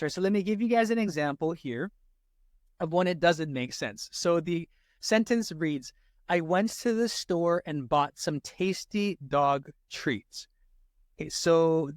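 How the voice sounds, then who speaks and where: Man, fairly high voice, dry close sound, grammar lesson, keeps asking students "right?". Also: dry recording. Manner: talks straight to viewers with frequent "right?" checks. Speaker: SAT prep teacher.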